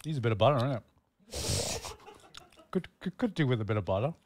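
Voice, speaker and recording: Laughing young man, lively pitch. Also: fast, dry recording. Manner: laughing, teasing, keeps asking for butter. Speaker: podcast co-host. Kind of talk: casual stream banter.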